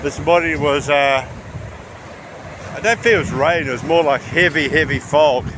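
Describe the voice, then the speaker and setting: Walking outdoors on a beach, this travel vlogger offers loose, chatty commentary in a voice that sits on the high side, at normal speed. Wind and crashing surf fill the recording, along with outdoor ambience.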